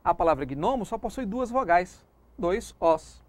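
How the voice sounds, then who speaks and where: Male teacher, Brazilian Portuguese accent, lively swooping pitch, dry close sound, call-and-response drilling. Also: measured pace, dry recording. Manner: plays the student asking himself questions. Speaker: exam-prep Portuguese teacher. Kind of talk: recorded video lesson.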